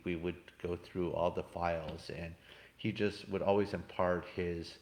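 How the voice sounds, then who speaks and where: A man, a priest, gently leading a meditation and reflecting in an unhurried, conversational way with frequent pauses. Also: low voice, vocal fry. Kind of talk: guided meditation and spoken reflection. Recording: echoey room.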